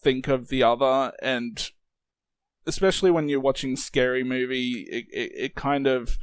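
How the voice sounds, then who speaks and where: A man in an easygoing movie chat on a podcast, chuckling through his points and stumbling into restarts. His voice sits at an ordinary middle pitch. The sound is dry and close, with no room around it. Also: a little slow, smooth, no echo. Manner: laughs often, restarts sentences, quotes lines in high put-on voices. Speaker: podcast co-host.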